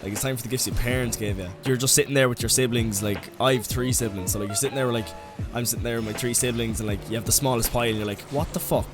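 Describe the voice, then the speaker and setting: A man's voice: mid-range voice, steady tone, rapid-fire, few pauses, over music. A young man with an Irish accent, ranting comically in a rambling, sweary way full of "like"s. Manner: rambling, sweary, heavy use of "like". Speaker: vlogger. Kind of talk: comedic rant.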